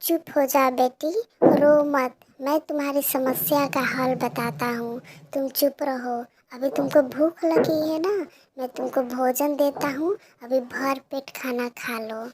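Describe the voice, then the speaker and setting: A woman's voice: high-pitched, steady tone, a little slow. A woman voicing a kind male magic tree that comforts a girl in a cartoon story. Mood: soothing. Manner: soothing, gentle.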